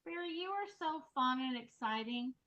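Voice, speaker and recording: A woman's voice: high voice, animated, moderate pace, lo-fi sound, background noise. A woman hosting a webinar in a casual, chatty way, effusive and informal with the people she addresses. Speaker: webinar host.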